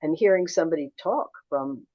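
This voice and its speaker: A woman's voice: low voice, expressive, brisk, no room sound, highs cut off. An older woman from suburban Philadelphia, a guest telling reflective stories in an interview. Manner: reflective, anecdotal, with restarts and quoted dialogue. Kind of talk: storytelling interview answers.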